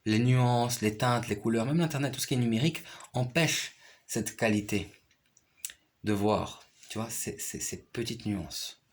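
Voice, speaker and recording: A man with a husky, breathy voice at an ordinary middle pitch talks in a loose, personal way. He circles back over his points, repeats phrases, and keeps checking that the listener is following. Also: unhurried. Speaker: piano player and teacher. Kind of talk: casual personal conversation.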